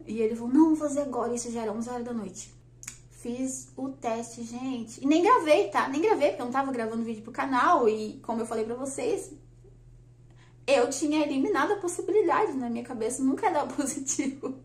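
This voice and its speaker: A woman, telling a personal story on her vlog in a chatty, lively way and laughing often. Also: high-pitched, brisk. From Brazil. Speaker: vlogger. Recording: echoey room.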